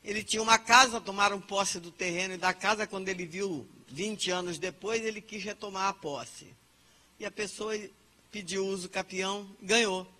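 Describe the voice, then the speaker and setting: A woman in her sixties with a Brazilian Portuguese accent, a psychologist giving a humorous, lively church teaching talk and acting out quoted speech. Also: mid-range voice, normal speed. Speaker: guest speaker, psychologist. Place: church service.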